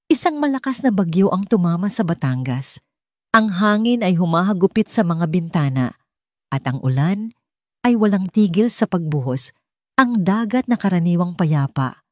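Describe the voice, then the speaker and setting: This audiobook narrator is a woman with a Filipino accent reading from a scripted romance story. She speaks in a fairly low, darkish voice, captured dry and at studio quality.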